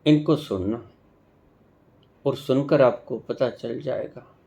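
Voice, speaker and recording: A man giving a devotional discourse as a spiritual teacher, speaking in a measured way with long pauses and emphatic stresses. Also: mid-range voice, vocal fry, dark tone.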